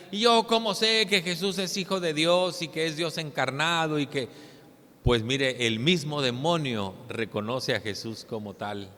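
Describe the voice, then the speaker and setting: A Mexican man preaching a sermon as pastor, swinging between loud emphatic lines and hushed ones. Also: mid-range voice, long reverb tail.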